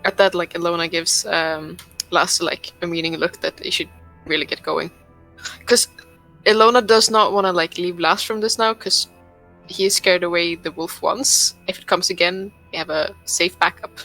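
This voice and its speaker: A woman's voice: lowish voice, fairly even intonation, moderate pace, pushed and bright, faint music behind, rough recording. A woman playing a tabletop role-playing game, casually talking through what her character says and does.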